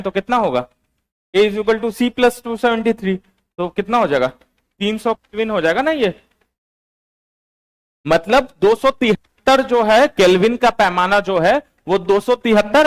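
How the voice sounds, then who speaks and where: A man teaches in a high, light voice. He dictates notes slowly, says each phrase twice, and presses his online students for answers. His voice sits well above the usual male range. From Bihar, India. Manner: slow and repetitive, quizzing online students. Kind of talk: classroom lecture, dictating notes.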